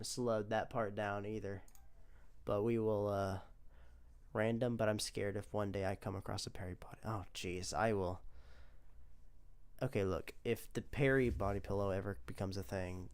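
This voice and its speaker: A young man casually commenting on his own animations, rambling and excitable. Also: lowish voice. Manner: rambling, excitable, self-praising.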